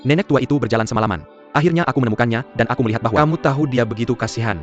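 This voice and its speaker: A man's voice: medium pitch, racing, lightly acted. A man dubbing a defensive, pleading husband in a drama, recorded dull with music behind. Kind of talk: dubbed drama dialogue.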